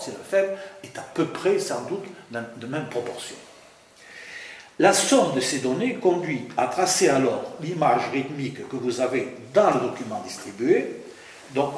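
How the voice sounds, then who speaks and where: Male lecturer, hesitant with frequent restarts, booming room echo, faint hiss. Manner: hesitant, repeats words, stammering restarts. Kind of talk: academic lecture. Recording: very echoey room, faint background noise.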